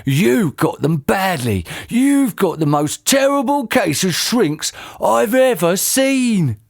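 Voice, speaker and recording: A reader voicing a cruel, gloating old man in a storybook, drawing out his taunts slowly. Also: medium pitch, very animated, gravelly, no echo, clean studio sound, pitched above the performer's own voice, heavily acted. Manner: slow, taunting, relishing each word. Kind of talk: storybook character voice.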